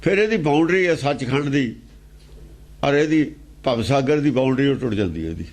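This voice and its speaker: This time the Punjabi-accented teacher sounds mid-range and darkish, animated and brisk. In his scripture exposition talk he repeats key phrases and asks rhetorical questions.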